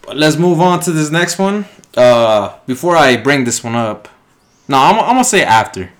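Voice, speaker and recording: A man's voice: on the high side, animated, normal speed. A young man co-hosting a podcast, chatting casually in slangy, laid-back bro talk. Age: young adult. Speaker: podcast co-host. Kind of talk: casual chat.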